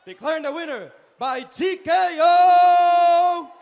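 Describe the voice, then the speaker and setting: A man working as a ring announcer, calling a fight result in booming, drawn-out lucha libre announcer style. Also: darkish tone, raised voice.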